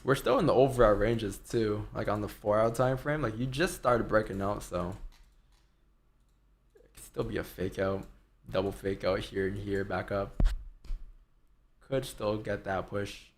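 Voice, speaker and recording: A man with a fairly low voice and a lot of vocal fry hosts a live stream. He gives casual commentary, thinking aloud in a loose, informal, rambling way. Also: unhurried, pauses often. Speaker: live trading stream host.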